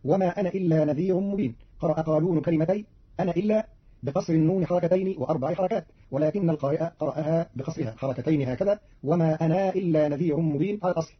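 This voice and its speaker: A man giving scripted explanatory narration in a brisk, formal reading voice. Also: fairly high pitch, breathy edge. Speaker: radio presenter. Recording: dull lo-fi archival radio recording.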